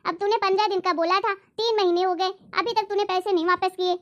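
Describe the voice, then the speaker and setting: A woman's voice: very high-pitched, steady tone, fairly quick, a bit bright, lo-fi sound. A woman voicing an exasperated elder sister in a family drama skit, scolding and insistent as she demands her money back.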